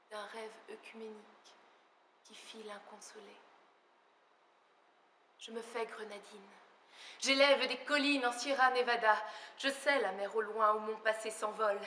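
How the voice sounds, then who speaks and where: A French slam poet in her thirties performs dramatic spoken-word poetry in an empty opera house auditorium, her delivery swelling and sinking. Her voice is on the high side and sharp, picked up by a far camera microphone with roomy hall echo and a little hiss or hum.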